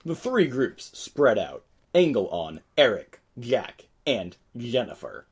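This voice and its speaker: A man reading stage directions aloud in a script table read, with a lively, expressive delivery. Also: mid-range voice, slow, husky.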